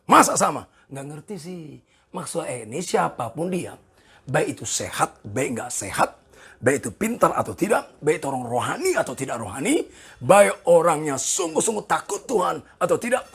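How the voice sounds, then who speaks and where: A pastor in his sixties preaching a sermon, animated and joking with the congregation, with a gravelly, husky voice. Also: on the high side, moderate pace. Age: 60s. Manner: animated, jokes with the congregation, voices people in quoted asides.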